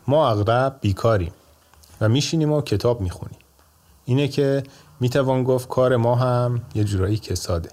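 Give me a calm, clever old judge in a bedtime story, as a man puts him on. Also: mid-range voice, close to an everyday voice.

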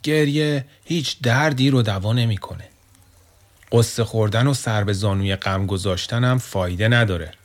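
A man voicing a kind, gentle male donkey in a children's story, giving patient, soothing advice. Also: lowish voice, lightly acted.

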